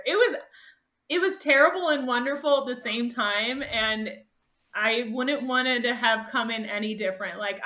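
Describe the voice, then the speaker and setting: Brief: bright, higher-pitched woman, podcast guest, animated storyteller who laughs a lot, roomy echoey sound. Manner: animated, laughs often, voice rises sharply when reliving moments. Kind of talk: casual storytelling interview.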